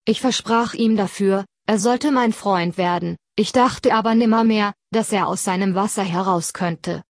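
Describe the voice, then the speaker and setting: A woman's voice: medium pitch, moderate pace, no room sound, close to an everyday voice. A woman reading as a fretful young princess.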